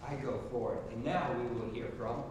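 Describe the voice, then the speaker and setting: A man's voice: medium pitch, fairly even intonation, fairly quick, close to an everyday voice. A man in stage improv playing a rambling small-town auctioneer. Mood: chatty. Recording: echoey hall from far off, noisy.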